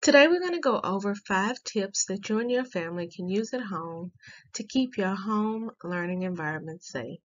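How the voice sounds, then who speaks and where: A woman reading scripted school morning announcements to pupils as a staff announcer, in deliberate, measured phrases. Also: mid-range voice, animated, muffled recording.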